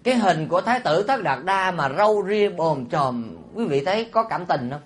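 Animated monk preaching. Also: male voice, high-pitched, normal speed, a little hiss or hum. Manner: animated, often asks the audience rhetorical questions; teasing and humorous. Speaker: Buddhist monk teacher. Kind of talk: sermon.

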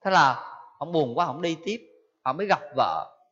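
A man's voice: a little high, animated, moderate pace, a bit bright. A man with a Southern Vietnamese accent giving a storytelling Buddhist sermon, asking his audience questions as he tells the tale. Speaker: Buddhist preacher. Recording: dull lo-fi recording.

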